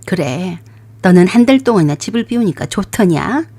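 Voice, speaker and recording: A woman's voice: fairly low pitch, expressive, moderate pace, husky. A woman voicing a stern scolding older mother-in-law. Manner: scolding, sharp rebukes. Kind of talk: radio drama acting.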